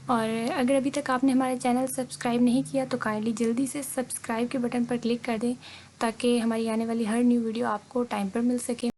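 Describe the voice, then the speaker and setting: A woman teacher with a fairly high voice walks through a grammar lesson over slides, patient and methodical, repeating each point. A faint hiss sits under the close voice-over. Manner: patient, explains step by step, mixes English into Hindi. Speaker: English teacher.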